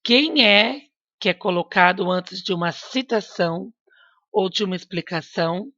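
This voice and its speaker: A woman's voice: mid-range voice, measured pace, fairly bright tone, dry recording, lo-fi sound. A woman teacher giving a recorded lesson to young pupils, patient and coaxing, asking them questions and repeating her prompts. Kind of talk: recorded remote class lesson.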